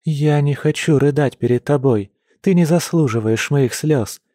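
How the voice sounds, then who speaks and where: A man voicing a stubborn, sarcastic young woman in an audiobook, with sharp retorts. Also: on the high side, a little slow, no room sound, clean studio sound, voice pushed up, natural voice. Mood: upset, stubborn.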